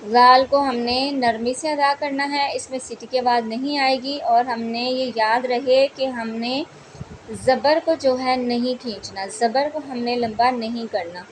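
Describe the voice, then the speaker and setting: A woman teaching Quran reading, patiently drilling each syllable slowly and repeating the rules. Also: fairly high pitch, steady tone, a little hiss or hum. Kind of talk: slow step-by-step recitation lesson.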